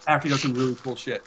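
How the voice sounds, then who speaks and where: A man's voice: medium pitch, fairly bright tone, dull audio, slight background noise. A man narrating as game master in a loose, rambling, profane way over a voice call. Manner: loose, rambling, swears, laughs often.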